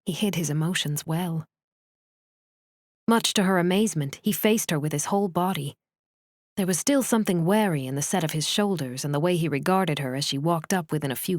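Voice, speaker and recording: A woman narrating a romance novel in a measured, steady storytelling voice, close to the mic. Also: on the low side, dry recording. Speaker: audiobook narrator.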